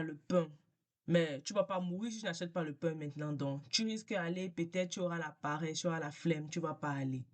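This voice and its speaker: A woman with a fairly low voice teaches a language in a casual lesson. She speaks very slowly and patiently, repeating each word for learners. She moves between French and English as she explains.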